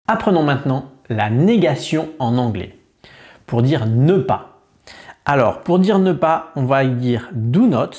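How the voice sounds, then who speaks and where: Young French-accented male teacher, slow, lively pitch, careful model pronunciation for beginners. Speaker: English teacher. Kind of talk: beginner language lesson.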